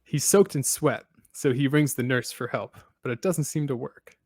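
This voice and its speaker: A man hosting a podcast, recapping a story in a casual way with steady storytelling and dry asides. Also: medium pitch, moderate pace, no echo. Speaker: podcast host.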